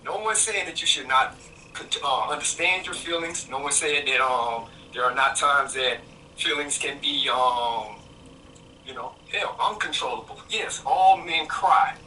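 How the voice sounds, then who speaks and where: A bright, forceful man's voice comes through a roomy, distant call line with a faint hiss behind it. He argues his point firmly and emphatically, lecturing in a podcast debate. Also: fairly high pitch, unhurried.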